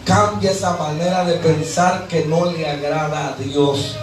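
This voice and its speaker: High-voiced Mexican pastor in an echoey hall. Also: male voice, unhurried, recorded from a distance, music in the background. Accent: Mexican Spanish. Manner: animated preacher acting out everyday voices. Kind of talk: sermon.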